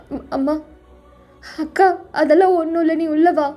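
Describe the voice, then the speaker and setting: A woman voicing a caring younger sister who comforts her crying older sister and pleads with their mother in a fan audio drama, with soft music behind. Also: very high-pitched, steady tone, normal speed. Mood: pleading.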